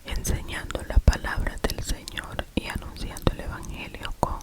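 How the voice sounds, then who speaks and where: A person reading scripture as ASMR in a cupped-hand whisper, very close to the mic as if into the ear. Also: normal speed. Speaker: ASMR reader. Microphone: very close to the mouth.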